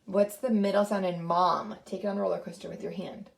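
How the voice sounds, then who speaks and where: Encouraging woman with a gravelly edge. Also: fairly low pitch, steady tone, brisk. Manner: patient, encouraging teacher-like tone. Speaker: literacy presenter and mother. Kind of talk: educational presentation with phonics games.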